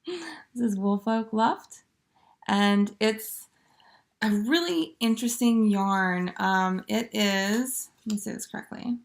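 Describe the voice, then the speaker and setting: A woman's voice: mid-range voice, slow pace, gravelly. A woman in her thirties hosting a knitting video, chatting casually and rambling with fillers and giggles. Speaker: knitting podcast host. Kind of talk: casual show-and-tell chat.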